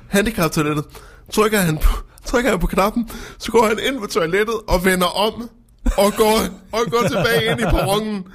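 Male radio host, casual chat, animated storyteller, laughs often, slightly high voice.

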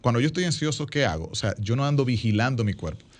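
A man's voice: mid-range voice, sing-song, fast. A man talking as a guest in a radio studio, explaining things and acting out quoted lines in other voices. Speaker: guest speaking coach.

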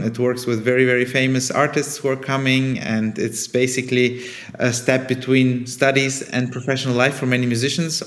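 A man from Bulgaria whose first languages are Bulgarian and Italian, a conductor and startup founder, answering in a podcast interview in a thoughtful way, often restarting his words. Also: medium pitch.

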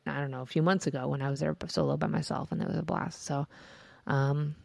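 A woman's voice: sits low, steady tone, fast talker, creaky, a little mellow, dry recording. A woman co-hosting a podcast, telling a rambling story in casual chat and swearing freely. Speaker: podcast co-host.

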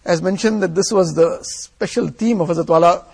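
Male preacher. Husky, creaky voice pitched high. Earnest, exhorting sermon delivery. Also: moderate pace, darkish tone. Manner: earnest, exhortatory, repeating phrases for emphasis. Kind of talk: sermon, reading Urdu passages and translating them into English.

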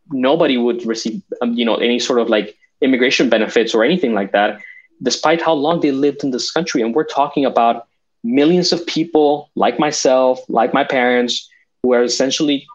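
A man from Venezuela with a mid-range voice talks passionately about politics on dull-sounding audio. His political discussion is full of restarts and fillers.

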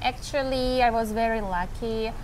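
A woman, from Kyrgyzstan, speaking halting as a cafe manager in a casual outdoor interview. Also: fairly high pitch, a little hiss or hum, rough recording. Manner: halting non-native English, searching for words.

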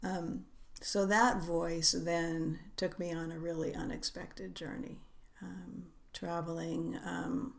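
A middle-aged woman, a writer who is a guest on a podcast, talking reflectively in an unhurried, musing way with frequent hesitations. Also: fairly low pitch, flat delivery, vocal fry. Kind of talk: reflective conversational interview.

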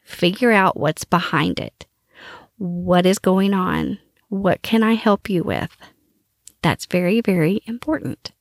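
A woman's voice: mid-range voice, dry recording, clean studio sound. A woman host talking casually and frankly, giving household advice and cussing freely. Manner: frank and animated, cusses casually. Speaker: podcast host.

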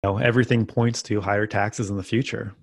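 Guy with a lowish voice on a money podcast, dry sarcastic jokes, lots of uhs, dead dry mic. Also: fairly even intonation, fast, gravelly, dry recording. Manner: dry sarcastic asides, frequent fillers. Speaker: podcast co-host. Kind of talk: casual financial podcast talk.

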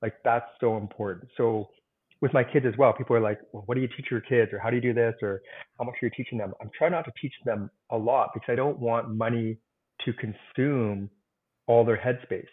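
A man with a mid-range, slightly rough voice is a guest author in a conversational interview. He explains earnestly, using simple examples and saying "like" a lot, over tinny, phone-like remote call audio.

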